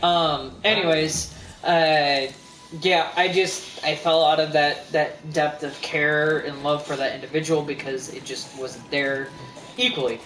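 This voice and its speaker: A man's voice: on the high side, steady tone, measured pace, fairly bright tone, faint music behind. A man streaming a video game, bantering casually, joking and swearing offhandedly. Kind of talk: casual banter while gaming. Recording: echoey room with faint noise.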